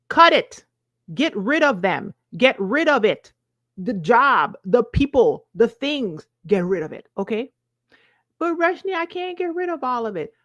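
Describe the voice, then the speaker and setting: A self-help coach in her forties, speaking with a Virgin Islands accent, uses a mid-range, fairly bright voice on a dry recording with the highs cut off. She talks to viewers in an emphatic, conversational motivational style, regularly checking in with brief questions.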